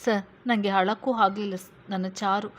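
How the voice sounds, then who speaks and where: A woman's voice: medium pitch, fairly even intonation, moderate pace, lightly acted. A woman voicing a grieving young orphaned woman who pleads tearfully with an officer, calling him sir.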